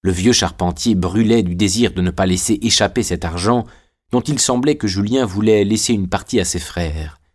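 A man narrating a classic novel as an audiobook, in a measured, literary way. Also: fairly low pitch.

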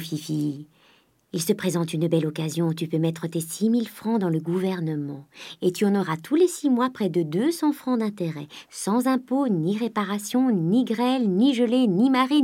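A greedy, domineering old miser, read by a woman, coaxing one moment and blustering the next. The voice sits a little low, and the story is read aloud from a book. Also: animated, moderate pace, dark tone. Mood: wheedling. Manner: wheedling then blustering.

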